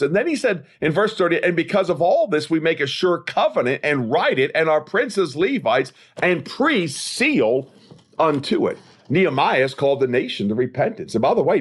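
A slightly high voice with a breathy edge carries this emphatic expository sermon. The speaker, an evangelist preacher who hosts a podcast, keeps returning to repeated rhetorical phrases.

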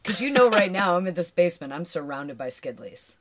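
Lively, laughing woman co-host. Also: on the low side, fairly quick, heavy background noise. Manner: animated, laughs often, swears freely. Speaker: podcast co-host. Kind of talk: casual chat. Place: basement.

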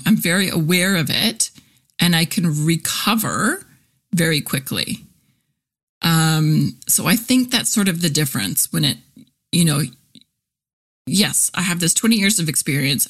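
This woman in her forties hosts a casual solo podcast, speaking in a lowish, slightly bright voice. She's a copywriter and content teacher, and her talk is chatty and candid, full of fillers and easy laughs.

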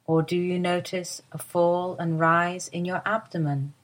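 A woman giving soft, soothing guided instructions for a body-awareness lie-down. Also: on the low side, little pitch movement. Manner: soft, slow, soothing guidance. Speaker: movement teacher guiding a lie-down.

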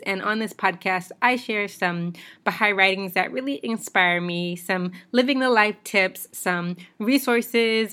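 A woman's voice: mid-range voice, pushed and bright. A woman in her thirties from the United States, hosting her own podcast in a chatty, informal way with small laughs and restarts. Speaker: podcast host. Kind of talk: solo podcast talk.

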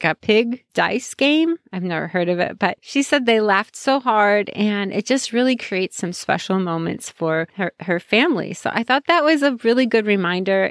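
A woman's voice: mid-range voice, no room sound. A middle-aged woman hosting a motivational podcast, telling stories in an upbeat, chatty way with frequent laughter, close to the mic. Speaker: podcast host. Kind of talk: casual motivational podcast chat.

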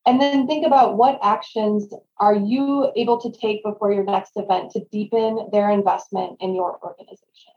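A woman's voice: medium pitch, fairly even intonation, moderate pace, warm tone. A woman speaking as a consultant guest in a conversational podcast interview, on a roomy, slightly dull recording.

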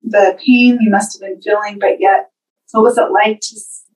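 Woman host, encouraging and affirming, mid-pitched voice, distant mic. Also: steady tone, normal speed, darkish tone. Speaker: podcast host. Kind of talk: supportive interview chat.

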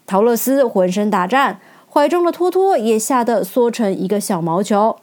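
Woman reading a kids' story, lively and expressive, kinda high voice. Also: moderate pace.

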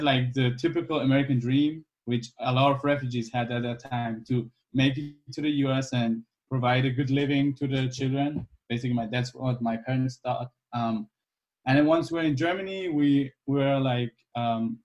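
A man in his twenties from Iran, a guest speaking in a casual interview, easygoing and thoughtful with many pauses. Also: medium pitch, fairly even intonation, darkish tone, muffled recording. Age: 20s.

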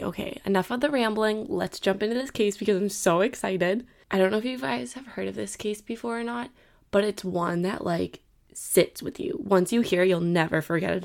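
A woman's voice: on the low side, vocal fry, a little mellow. A young woman hosting a podcast, chatting casually in a rambling way with many "like"s. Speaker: podcast host. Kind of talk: casual chat.

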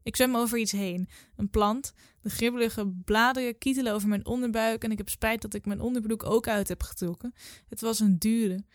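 A woman in her twenties reading her own literary story aloud in a calm, measured way. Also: a little high, no room sound, clean studio sound. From Netherlands. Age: 20s.

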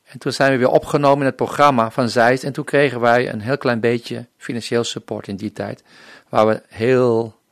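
A man from the Netherlands shares his missionary testimony in an interview, speaking earnestly and acting out the conversations he remembers. His voice sits in an ordinary middle pitch. The recording is dry and close, with no room echo. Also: fairly even intonation, moderate pace. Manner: earnest storytelling, often acting out remembered dialogue. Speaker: missionary guest. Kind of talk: personal faith testimony in an interview.

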